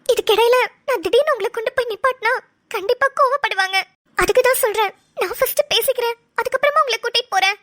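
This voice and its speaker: A woman's voice: extremely high pitch, fast talker, a bit bright, voice pushed up. A woman voicing a nervous young woman in a cartoon, stammering and pleading as she hesitates. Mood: anxious. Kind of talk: cartoon voice acting.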